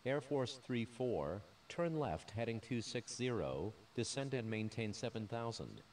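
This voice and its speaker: A man's voice: mid-range voice, very animated, measured pace, darkish tone. A man reading clipped air traffic radio calls, heard as distant radio chatter bleeding through under other talk. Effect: distant radio chatter bleeding through under the main talk. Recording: distant radio audio picked up from far off.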